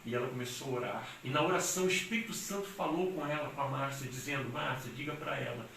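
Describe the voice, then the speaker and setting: A man preaching a sermon. He tells a story earnestly and slows down on the key phrases. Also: medium pitch, fairly bright tone. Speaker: pastor. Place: church hall. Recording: very echoey hall, distant mic, faint hiss.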